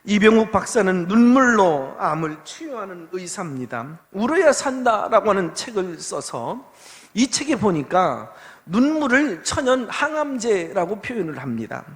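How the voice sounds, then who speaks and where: A male pastor preaches in a very high voice, moving between hushed storytelling and loud, pleading appeals. His words ring out with a long church reverb. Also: very animated, unhurried. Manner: impassioned preaching, swinging from soft to loud. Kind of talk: sermon. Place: church sanctuary.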